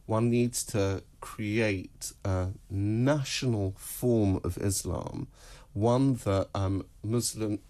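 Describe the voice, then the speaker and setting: A man speaking as a guest analyst in an interview, in a measured, deliberate, lecturing way. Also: lowish voice, mellow. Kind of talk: broadcast interview.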